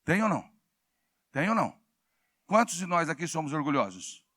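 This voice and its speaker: Man in his 60s preaching, high bright voice. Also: very animated, normal speed, dry recording. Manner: call-and-response preaching, shouting prompts to the congregation. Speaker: pastor. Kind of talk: sermon. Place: church hall.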